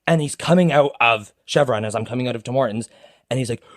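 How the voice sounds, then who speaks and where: A man's voice: medium pitch, fast talker. A man telling a rambling story on a casual podcast, full of fillers and quoted dialogue. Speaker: podcast co-host.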